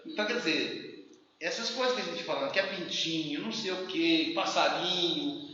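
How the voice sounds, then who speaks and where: A man giving a lecture and telling anecdotes in a lively way, acting out the people he quotes. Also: on the high side, moderate pace. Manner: lively storyteller, acts out quotes. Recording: echoey hall, distant muffled mic.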